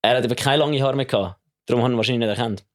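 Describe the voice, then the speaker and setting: Fast-talking Swiss German man. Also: mid-range voice. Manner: animated, slangy storyteller, says "Alter" a lot. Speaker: podcast co-host. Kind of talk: casual podcast chat.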